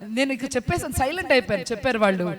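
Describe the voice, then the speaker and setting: Woman giving a church testimony, talks fast, earnest and fervent, keeps asking the crowd questions. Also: on the high side, very animated. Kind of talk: spoken personal testimony.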